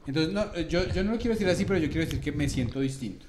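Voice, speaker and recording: A man's voice: a little high, expressive, a loud crowd. Rambling Colombian man telling stories. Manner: rambling, halting restarts, swears casually. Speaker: comedy podcast host. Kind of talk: casual conversation, storytelling.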